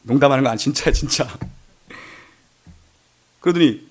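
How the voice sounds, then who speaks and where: A middle-aged male pastor giving a Sunday sermon, telling stories conversationally and swinging from loud emphasis to hushed asides. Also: mid-range voice, normal speed. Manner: conversational storytelling, voices quoted people.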